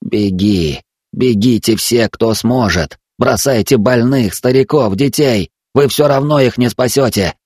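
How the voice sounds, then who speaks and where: A man voicing a frightened old island elder, hoarse and urgent, giving orders in raised shouts. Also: medium pitch, unhurried, no room sound, clean studio sound. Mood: shouting.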